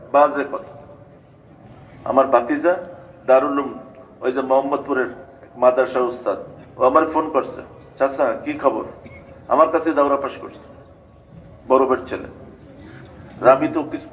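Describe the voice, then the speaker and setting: A man's voice: medium pitch, slight background noise. An older man from Bangladesh giving a sermon, telling stories and chanting invocations. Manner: storytelling preaching with chanted invocations. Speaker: preacher. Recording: dull lo-fi recording.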